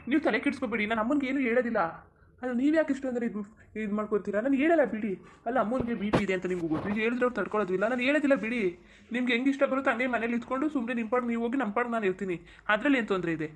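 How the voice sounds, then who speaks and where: A performer doing a young husband in a cartoon who keeps reassuring his wife in a soothing way. He speaks very fast at a mid pitch. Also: lightly acted. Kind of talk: cartoon voice acting.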